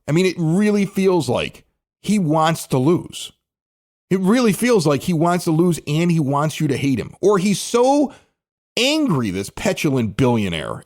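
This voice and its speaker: A man's voice: on the high side, darkish tone. A man hosting a sports podcast, ranting in a heated, exasperated way. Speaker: podcast host. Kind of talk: casual sports podcast rant.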